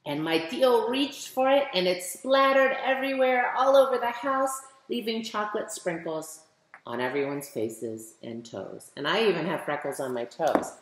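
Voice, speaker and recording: A children's author, fifty years old, reads a picture book aloud from her living room in an animated, mid-range voice at a moderate pace. She addresses young listeners directly, with questions and emphasis. The sound has the roomy echo of an indoor webcam.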